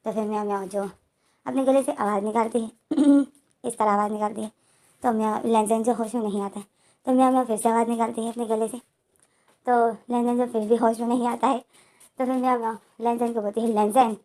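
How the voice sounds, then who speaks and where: A woman's voice: a little high, fairly even intonation, fast talker, dark tone. A woman casually retelling a story, rambling along with many linking words and fillers.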